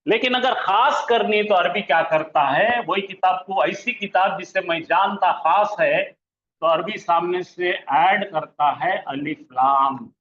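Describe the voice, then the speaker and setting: High-voiced man teaching in an echoey room. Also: a bit bright. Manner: asks the class questions and answers them himself; stretches out example words slowly. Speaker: Arabic grammar teacher. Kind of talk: classroom lesson explaining pronunciation. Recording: echoey room, slightly dull sound.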